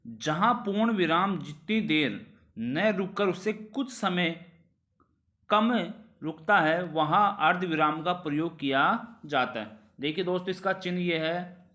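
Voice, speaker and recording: Bright high-voiced male grammar teacher. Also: a little slow. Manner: explains by repeating phrases and asking rhetorical questions; drops pitch at the ends of sentences. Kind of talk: Hindi grammar revision lesson.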